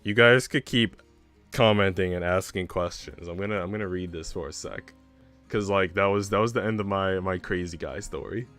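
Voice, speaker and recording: A young American man with a deep, clear, resonant and slightly bright voice talks at a normal speed while hosting a livestream from home. Music plays behind his relaxed, slangy chatter with viewers, which includes frequent swearing.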